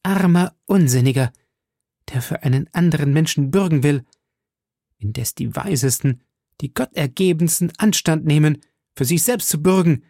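A man's voice: mid-range voice, expressive, moderate pace, mellow, dry recording, studio quality. A man reading an audiobook, voicing a captive noblewoman who pleads fervently and passionately. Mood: impassioned. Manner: impassioned, pleading.

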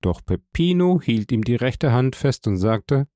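A man reading a novel aloud as a narrator, at a measured, even pace. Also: mid-range voice, no echo, clean studio sound. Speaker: audiobook narrator. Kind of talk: scripted audiobook narration.

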